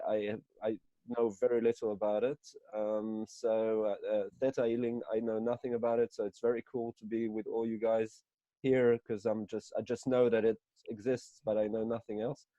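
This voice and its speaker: Man on a video call, dark mellow voice. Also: fairly low pitch, no room sound, lo-fi sound. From Israel. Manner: rambling, with many fillers and restarts. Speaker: counselor and psychotherapist. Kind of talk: casual self-introduction on a video call. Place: home, early morning.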